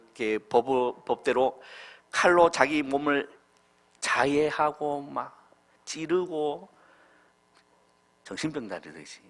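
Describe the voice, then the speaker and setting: In a church, a medium-pitched man preaches a Sunday school sermon to children. He quizzes them with questions, swinging from loud calls to soft murmurs.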